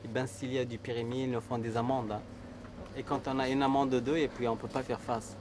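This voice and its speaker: A man running a small grocery shop, chatting and joking loudly with customers. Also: mid-range voice, flat delivery, a little fast, noisy background. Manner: jovial, teasing, greets customers loudly. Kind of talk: chatty talk with customers on camera.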